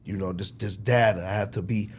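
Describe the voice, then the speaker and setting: Speaking as a record executive in an interview, a man talks shop casually and passionately, making his case emphatically and persuasively with lots of slang and repetition. His voice is lowish and slightly rough, with a steady tone and a fairly quick pace.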